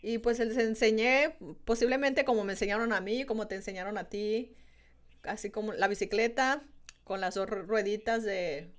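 A woman's voice: mid-range voice, normal speed. A woman preaching a sermon in a conversational way, speaking straight to the congregation and repeating key phrases for emphasis.

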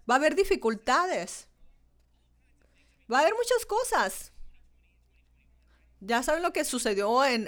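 A woman's voice: high-pitched, a bit bright. A woman preaching a sermon in a conversational way, speaking straight to the congregation and repeating key phrases for emphasis.

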